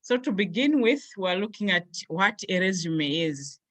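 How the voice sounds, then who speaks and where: A woman's voice: mid-range voice, normal speed. A young woman from Malawi, a graduate student, presenting a workshop over a video call and going through points one by one. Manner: steady explanatory pace, lists points one by one.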